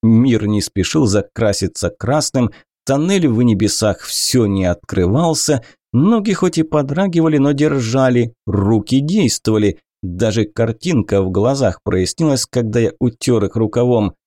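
A man narrating an adventure audiobook in the first person, expressive and acting out the hero's panic. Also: medium pitch, unhurried, no room sound, clean studio sound.

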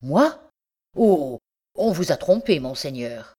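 Brief: woman reading as a jealous old book-dealer, stammering and feverish, low and unhurried. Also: big pitch swings, mellow, slightly rough, exaggerated voice. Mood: fretful. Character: old bookseller man, obsessive, jealous of his books.

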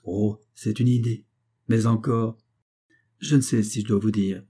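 A poor, lovesick young peasant who speaks gravely and hesitantly, as a male narrator reads him. The voice is low, dark and husky, close to the reader's own. It is a storybook character read aloud. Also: steady tone, measured pace. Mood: earnest. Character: poor, melancholy young peasant man in love. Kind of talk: audiobook character reading.

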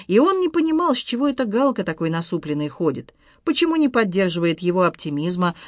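An audiobook narrator reading a novel, even and unhurried. The voice is mid-pitched, and the recording is dry and close, with no room sound. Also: no echo. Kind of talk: scripted narration.

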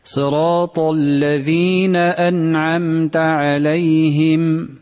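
A man's voice: on the high side, level tone, very slow, darkish tone, clean tone, faint music behind. A male student who chants Quranic verses back to his teacher. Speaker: student reciter. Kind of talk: slow chanted Quran recitation.

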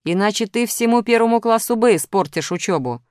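A woman's voice: fairly high pitch, lively intonation, a little fast, darkish tone, smooth, no echo, clean studio sound, voice pushed up, close to an everyday voice. A woman voicing a strict, firm male plus sign in an audiobook. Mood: stern. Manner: stern, firm.

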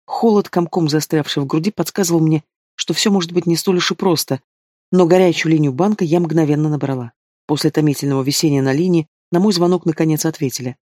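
A man reading a first-person story aloud as an audiobook narrator, in steady, even storytelling. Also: a little high, quick pace, no echo, clean studio sound. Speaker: audiobook reader.

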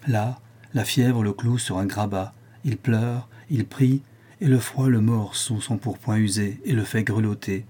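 A man reading a story aloud as its narrator, in a measured, even way. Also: fairly low pitch, husky. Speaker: reader. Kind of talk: scripted narration.

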